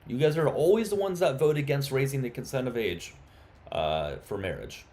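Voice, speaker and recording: Hosting a livestream, this man has a medium-pitched, somewhat dark voice and talks at a moderate, animated pace. His easygoing chatter with viewers gives way to insistent, heated argument whenever a caller pushes back.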